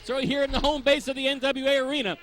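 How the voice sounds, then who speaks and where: A man's voice: extremely high pitch, fairly even intonation, fast, a bit bright. A man giving live wrestling play-by-play commentary in wordy, descriptive phrases.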